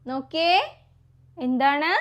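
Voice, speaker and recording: A woman teaching young children their letters, coaxing them along with questions and slow, repeated letter sounds. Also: sits high. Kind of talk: kids' alphabet lesson.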